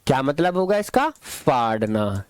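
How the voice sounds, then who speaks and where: A man's voice: medium pitch, very animated, unhurried, smooth, no echo. A man teaching an English lesson to his students. He is playful and affectionate, and he keeps asking questions and then answering them himself. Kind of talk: classroom-style language lesson.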